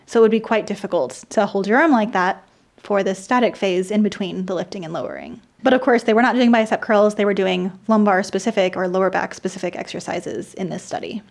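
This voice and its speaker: A woman with a mid-pitched, croaky voice hosts an explainer video. Her throat sounds dry, and sentence endings sink into vocal fry. She delivers prepared explanations mixed with personal asides. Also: fairly quick. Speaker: host of an explainer video channel.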